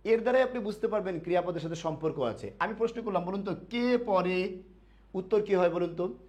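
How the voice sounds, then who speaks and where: A man with a high-pitched, slightly mellow voice teaches a live online grammar class to admission students, asking and then answering his own questions while slowly repeating key words. The recording sounds muffled.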